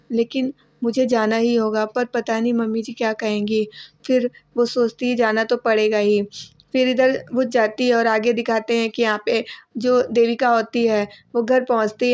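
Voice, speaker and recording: A woman's voice: fairly high pitch, muffled recording. Woman casually retelling a story. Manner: plain, running retelling with small restarts. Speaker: narrator recapping a TV serial episode.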